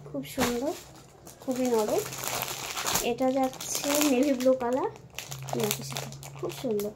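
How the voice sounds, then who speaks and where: High-voiced woman showing sarees. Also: background noise. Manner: soft, repetitive praise of fabric softness. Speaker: saree seller. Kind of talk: casual product showcase.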